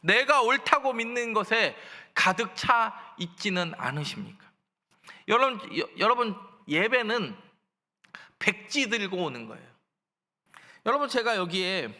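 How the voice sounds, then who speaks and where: Animated high-voiced male pastor preaching. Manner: animated preaching, asking the congregation questions. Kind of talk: sermon. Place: church sanctuary. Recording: church hall reverb.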